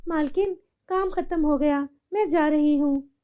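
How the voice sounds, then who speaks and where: Woman doing a very high-voiced poor maid. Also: a little slow, warm tone, dull audio. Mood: humble. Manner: pleading, humble. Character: poor humble young maid, mother.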